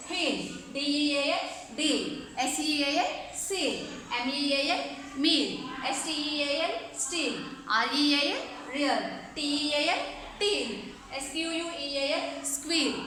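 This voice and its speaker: A woman's voice: high-pitched, pushed and bright, very echoey, a little hiss or hum. A woman English teacher giving an online lesson, spelling words letter by letter and explaining them patiently, often checking whether the class has understood. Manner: mixes English words into her teaching, asks the class questions.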